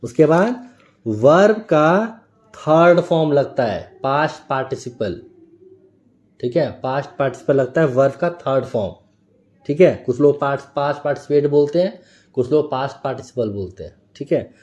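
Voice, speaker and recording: A man's voice: medium pitch, lively intonation, normal speed, darkish tone. A man teaching a grammar lesson, explaining step by step and often checking with a tag question.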